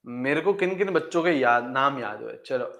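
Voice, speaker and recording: A man's voice: mid-range voice, animated, normal speed, creaky, fairly bright tone. A male chemistry teacher in a classroom, repeating points and asking his students questions he answers himself, calling them "beta" fondly. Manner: repetitive, calls students "beta", asks and answers own questions. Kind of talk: classroom lecture and farewell chat.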